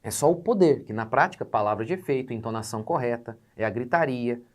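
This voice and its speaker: A Brazilian pastor in his forties teaches during a sermon with a Brazilian Portuguese accent. His mid-range voice is expressive and fast. He speaks emphatically, posing rhetorical questions and swelling on key words.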